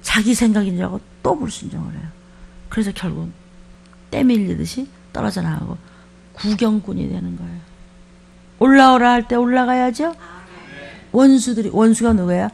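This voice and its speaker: A woman pastor preaching a sermon, animated, acting out quoted voices and swinging between loud exclamations and hushed asides. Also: mid-range voice, vocal fry, slightly rough.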